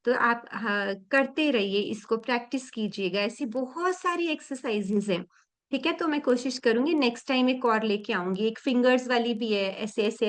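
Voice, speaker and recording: A woman's voice: high voice, fairly bright tone. A woman teaching an online children's class over a video call, counting aloud and encouraging the kids, mixing in English words. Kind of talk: online kids' activity class.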